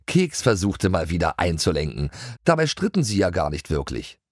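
Deep husky man reading a children's story. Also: moderate pace, no room sound, clean studio sound. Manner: lively storytelling. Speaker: audiobook reader. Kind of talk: scripted children's audiobook narration.

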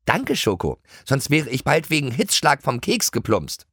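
A man voicing a cheerful young girl in a storybook reading, speaking in a bright, friendly way. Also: medium pitch, huge pitch swings, unhurried, breathy edge, no echo, studio quality, pitched above the performer's own voice, exaggerated voice.

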